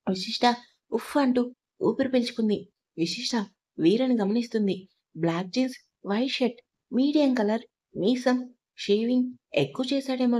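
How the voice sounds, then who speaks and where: A woman narrating a storybook aloud in a steady, expressive reading voice. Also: a little high.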